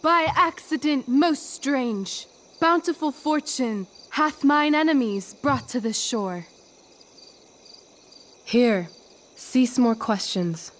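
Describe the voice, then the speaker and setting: Poised, slow-speaking theatrical teenage girl. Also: sits high, lively intonation. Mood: grand, commanding. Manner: theatrical, measured, coaxing. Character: poised, persuasive teenage girl, theatrical amateur stage actress. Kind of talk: video game acting, Shakespearean stage delivery.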